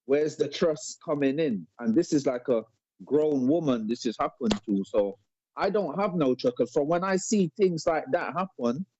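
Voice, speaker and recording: A man's voice: a little high, animated, normal speed, a little mellow, a little hiss or hum. A man telling a story in street slang on a live-stream debate, repeating words as he goes. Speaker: panel guest. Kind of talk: casual debate chat. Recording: dull lo-fi live stream audio.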